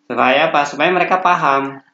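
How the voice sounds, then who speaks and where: A man's voice: on the high side, fairly quick, sharp tone. A man teaching a course from slides in a casual, loose way, with many fillers and restarts. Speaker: course instructor. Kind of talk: slide-based lecture. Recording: roomy, dull lo-fi sound.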